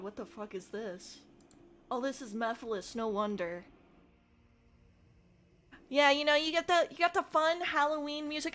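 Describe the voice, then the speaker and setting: A woman livestreamer chatting casually with her viewers in a playful, excitable gamer-girl manner. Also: high-pitched. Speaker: livestreamer, host.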